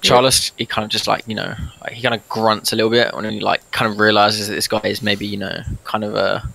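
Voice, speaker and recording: A man's voice: fairly low pitch, flat delivery, a little fast, gravelly, bright, forceful tone, low-quality recording. A man chatting as a player in a tabletop game, loose and rambling. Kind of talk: casual chat at a tabletop game.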